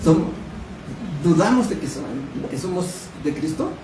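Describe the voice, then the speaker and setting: A man preaching a Bible study, reading verses aloud and quizzing his listeners. His voice sits a little high for a man. He is recorded from a distance in a reverberant church room, with noise running underneath. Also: lively intonation, a little slow. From Mexico. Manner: questioning the congregation, reading scripture aloud. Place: church hall. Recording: echoey room, distant mic, background noise.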